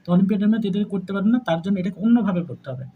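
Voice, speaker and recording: Tinny, narrow audio with a bit of hiss or hum captures a man teaching math in a Bangladeshi Bengali accent. His high-pitched voice is animated and rapid-fire, and his conversational style mixes in English words while he asks over and over if the class follows.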